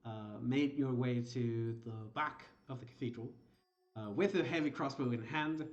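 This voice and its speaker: A man running a tabletop game as game master, narrating in a halting, hesitant way. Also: medium pitch, darkish tone, highs cut off.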